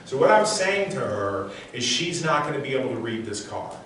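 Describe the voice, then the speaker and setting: This intense male mind reader has a medium, fairly bright voice that swings widely in pitch at a moderate pace. He's performing a live stage show, a motivational talk with audience demonstration, before a crowd in a big room. The distant mic picks up strong echo and a little background noise.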